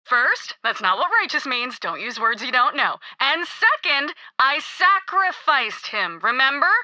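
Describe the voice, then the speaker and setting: A woman's voice: sits high, expressive, a little slow, bright, forceful tone, no echo, heavily acted. An actress playing a young cult queen in a video game, mocking, sing-song and sweetly menacing. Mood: condescending. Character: gleeful, cruel young woman cult queen. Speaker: cult leader God Queen.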